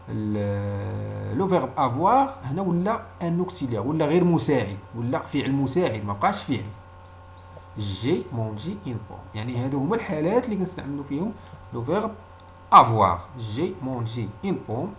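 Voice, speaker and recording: A man with a mid-range voice and a Moroccan accent, a native Arabic speaker, teaches an informal language lesson. He explains things didactically and repeats example phrases, with slight background noise behind him.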